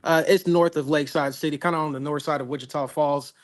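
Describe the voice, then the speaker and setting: Man, higher pitch, laid-back drawl, casual forecast talk. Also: steady tone, fast. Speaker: weather co-host. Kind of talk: casual live weather chat.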